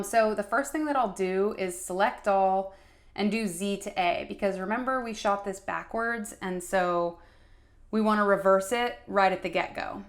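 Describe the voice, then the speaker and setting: A woman stop-motion artist talking through a tutorial in a chatty, casual way, muttering asides as she works. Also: mid-range voice. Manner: chatty, talks while working, muttering asides.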